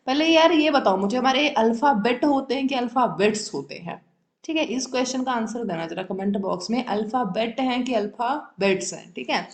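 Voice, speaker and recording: Woman, grammar teacher, mid-pitched, keeps checking understanding, repeats key terms, roomy echo. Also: darkish tone. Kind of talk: classroom-style explanation.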